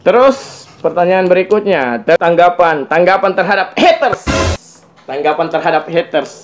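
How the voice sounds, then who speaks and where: Soft music plays behind this man as he hosts a lighthearted YouTube interview in a Kendari, Southeast Sulawesi Indonesian accent. His voice sits high and sounds animated at a normal speed, and he keeps things chatty and teasing, repeating phrases to drive points home.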